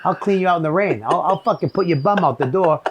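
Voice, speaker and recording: A man's voice: fairly high pitch, quick pace, background noise. A man with a Boston accent, rambling and swearing as he chats casually about cigars, often groping for words. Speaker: podcast host, comedian. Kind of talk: casual chat. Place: shed with cigars.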